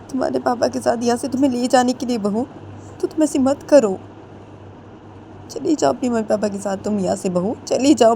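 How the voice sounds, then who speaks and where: A woman's voice: a little high, warm tone, slight background noise, pitched above the performer's own voice, natural voice. A woman voicing a mother-in-law who firmly urges her daughter-in-law to go home with her parents. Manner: firm, urging.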